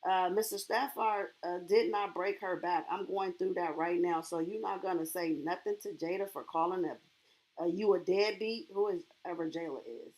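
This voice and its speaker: A woman's voice: on the low side, normal speed, a little mellow. A woman hosting a livestream, chatting casually and reacting to comments from her chat with laughs.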